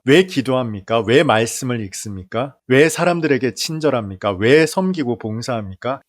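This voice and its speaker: A man preaching a sermon in an even middle voice, pressing his listeners with rhetorical questions and lists. His phrase endings fall away quietly. The sound is dry and close, with little room echo. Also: mid-range voice. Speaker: pastor.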